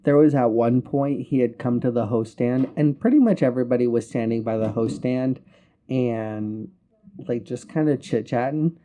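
A man's voice: mid-range voice, normal speed, narrow, tinny audio. A man hosting a casual podcast, telling a heated, profane workplace story and acting out the quotes. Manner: recounts quotes with emphasis. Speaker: podcast host.

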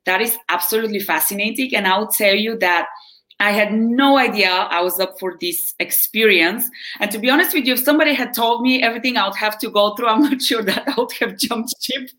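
A Bulgarian woman in her forties, a wellness coach, appears as a podcast guest in a conversational interview. She speaks with a Bulgarian accent in a mid-range, fairly bright voice at a brisk pace, laughing often and ending lines with "right?".

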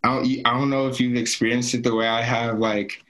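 A man's voice: medium pitch, flat delivery, fairly quick, a bit bright, low-quality recording. A young man, a college football player, talking casually on a podcast, laid-back and full of "like". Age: young adult. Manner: laid-back, heavy use of "like".

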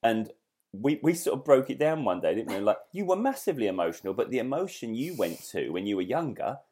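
A man with a British accent co-hosting a podcast, talking in quick, animated casual chat. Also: medium pitch, breathy edge. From Britain. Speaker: podcast co-host.

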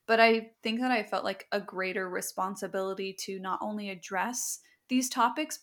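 A woman's voice: mid-range voice, fairly bright tone. Thoughtful woman co-hosting a podcast. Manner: thoughtful, reflective, with fillers. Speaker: podcast co-host. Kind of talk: casual conversation.

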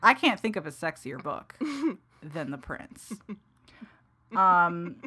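A woman in casual book chat, recapping a novel with animated, profane enthusiasm and frequent laughter. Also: fairly low pitch, slow. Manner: animated, profane, laughs often while retelling.

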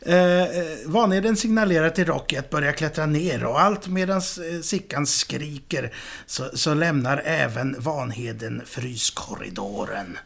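A man in casual chat, retelling a film scene and acting out the characters' shouted lines. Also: on the high side, gravelly. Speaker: podcast co-host.

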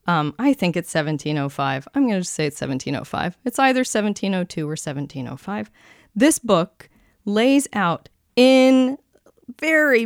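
A woman co-hosting a casual chat about dictionaries, lively and quick with jokes and asides. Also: mid-range voice, dry recording, clean studio sound. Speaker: podcast co-host, lexicographer.

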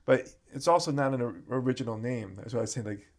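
A man with a mid-range voice chats casually about martial arts. He hedges often and reaches for words as he thinks aloud. His tone stays relaxed and conversational. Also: medium pitch, quick pace. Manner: thoughtful, hedging, lots of fillers.

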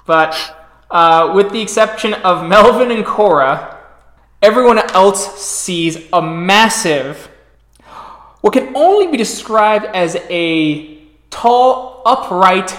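A man's voice: high voice, animated, takes it slowly, fairly bright tone, roomy sound. A man running a tabletop role-playing game as storyteller, describing scenes with easy laughs. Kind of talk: narrating a tabletop game over voice chat.

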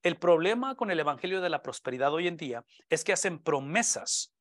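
A middle-aged male pastor, his voice sitting a little high for a man. He preaches emphatically, repeating phrases to drive a point home and dropping to near-hushed lines before rising again. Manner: emphatic, repeats phrases for stress, swings between loud and hushed. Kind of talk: sermon.

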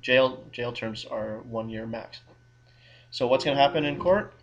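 A man's voice: medium pitch, a little slow, muffled recording. A man who works as a criminal defense lawyer co-hosting a casual legal advice podcast, explaining things in a wry, thinking-aloud way with frequent restarts.

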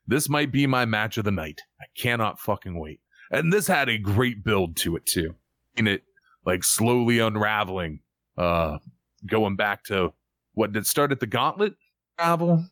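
A man co-hosting a casual wrestling podcast, excitable and profane, repeating lines for emphasis. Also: fairly low pitch, no echo, clean studio sound. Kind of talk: casual chat.

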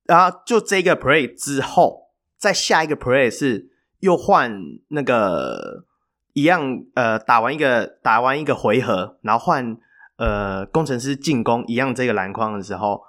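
A male podcast co-host with a mid-range voice tells a story in a chatty, animated style, filling gaps with pauses. It's a casual storytelling conversation.

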